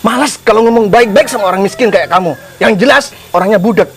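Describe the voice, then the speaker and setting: A man's voice: high-pitched, fast, gravelly. An actor playing an arrogant rich father who scolds and scorns a poor young man. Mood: scornful. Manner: contemptuous, scolding.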